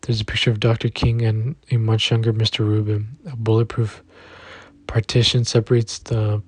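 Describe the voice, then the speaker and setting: A man narrating an audiobook in the first person in an even, understated reading. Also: lowish voice, normal speed, slightly rough, no echo.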